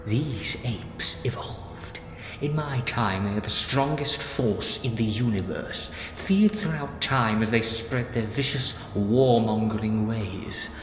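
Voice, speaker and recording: A man's voice: on the low side, takes it slowly. Man as the Master, echoing menacing villain. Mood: persuasive, grandiose. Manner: grandiose, menacing, persuasive. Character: bitter, decayed villainous time-travelling mastermind. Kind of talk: fan audio drama acting. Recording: echoey hall, clear music behind.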